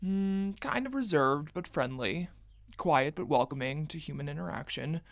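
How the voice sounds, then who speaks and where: A woman's voice: sits low, lively intonation, moderate pace, no room sound, clean studio sound. A woman voicing a playful, flamboyant young man in a narrated story, with an emphatic, theatrical delivery. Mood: musing, playful. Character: playful, flamboyant young male friend, loud and teasing. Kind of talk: acted storybook dialogue.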